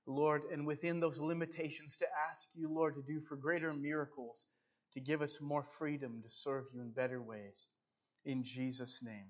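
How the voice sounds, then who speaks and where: A man preaching and praying earnestly as a pastor, speaking into a pulpit microphone in church. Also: a little high. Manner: earnest, devout, with repeated praise phrases. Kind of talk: sermon and extemporaneous prayer. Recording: dull, band-limited church sound recording.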